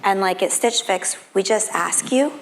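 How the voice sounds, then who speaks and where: Woman on a panel, voice almost gone, thin reedy squeaky n raspy, chatty, big hall echo. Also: a little slow, a little hiss or hum. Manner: informal, frequent "like". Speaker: panelist, fashion company executive. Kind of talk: conversational panel talk. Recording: long hall reverb.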